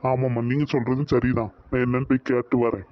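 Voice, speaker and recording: A patient family father, played by a man, speaking in a middle-pitched, calm and soothing way. The sound is a little dull and lo-fi. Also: quick pace, natural voice. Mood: placating. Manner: calm, placating, soothing others.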